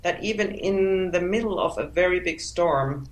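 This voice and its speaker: A Finnish woman, speaking in her non-native language, answers interview questions as a guest author, often restarting and repeating words while searching for them. Her voice is lowish and moderately paced, and the audio is poor, with an echoey room.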